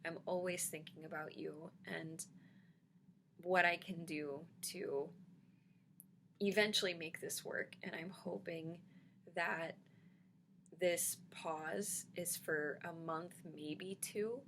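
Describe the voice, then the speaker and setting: Replying to comments on her denture vlog, this woman speaks slowly and steadily in a lowish, rather bright voice, offering reassurance. Her casual chat is full of ums and carries a slight lisp, over a light background hiss or hum.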